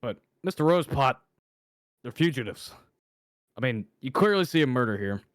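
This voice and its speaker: A man's voice: mid-range voice, sing-song, normal speed, no echo, studio quality, natural voice. A man voicing a stern, serious male guard captain who talks firmly. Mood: protesting. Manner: stern, firm.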